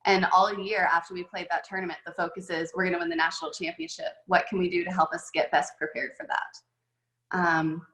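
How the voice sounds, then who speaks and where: Over a video call from an echoey room, a woman who is a head golf coach tells stories casually and chattily, with many fillers. Her voice is fairly low, brisk and a bit bright.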